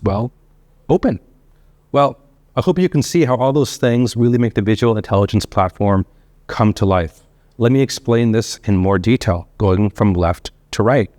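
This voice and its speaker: A man's voice: lowish voice, darkish tone, no room sound. A man giving a keynote product presentation with polished corporate enthusiasm, conversational, in short punchy phrases with rhetorical questions. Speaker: company chief executive giving a keynote.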